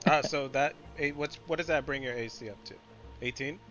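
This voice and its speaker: A man's voice: mid-range voice, brisk, a bit bright. A man acting as game master, casually narrating a tabletop game. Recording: dull lo-fi audio, faint music. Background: faint music.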